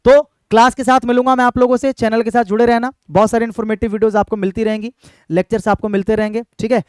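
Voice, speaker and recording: A man's voice: sits high, level tone, fast talker, a little mellow, clean tone, no echo. A young man, an exam-prep English teacher, talking earnestly to his students and often checking in with them. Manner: earnest, keeps checking in with "ठीक है?" and "भाई". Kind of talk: direct-to-camera talk to students.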